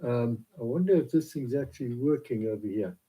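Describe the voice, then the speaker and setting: In a small home office, a South African man who grew up speaking Afrikaans gives a devotional talk to his laptop camera. He speaks with a medium pitch and warm tone, rambling and halting with plenty of fillers, and the audio quality is poor.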